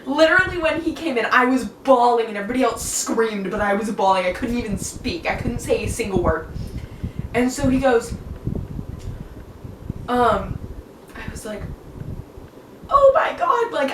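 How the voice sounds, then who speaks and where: A teenage girl vlogger telling a story in a gushing, excitable way, full of fillers. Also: a little high. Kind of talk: casual storytelling. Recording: echoey room, far from mic, noisy.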